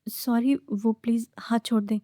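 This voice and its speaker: A nervous young male teacher who hesitates and stammers, always polite, as a woman narrator voices him. The delivery is soft and mellow and stays dry and close. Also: on the high side, steady tone, unhurried, no room sound, lightly acted. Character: shy, timid young male lecturer.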